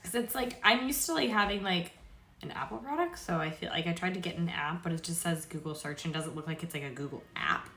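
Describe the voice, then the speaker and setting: This stream host reads to her viewers in a lowish, slightly bright voice, expressive and a touch fast. Her style is informal and full of swearing, with tripped-up long words and conversational asides.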